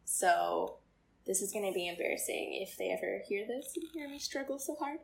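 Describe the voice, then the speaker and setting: A woman's voice: mid-range voice, animated, normal speed, gravelly. A young woman co-hosting a casual podcast, chatty and giggly, with many "like" fillers. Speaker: podcast co-host.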